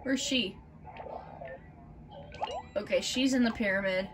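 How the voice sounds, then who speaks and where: A woman's voice: medium pitch, takes it slowly, background noise. A woman hosting a let's play with casual game commentary. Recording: far from the mic, game music.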